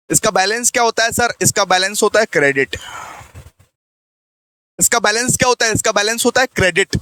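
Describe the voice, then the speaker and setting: A man's voice: high voice, pushed and bright, no room sound. A man teaching a lecture in a playful, teasing way, repeating key lines in a sing-song and answering his own questions. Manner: repetitive, teasing, sing-song call-and-response with himself.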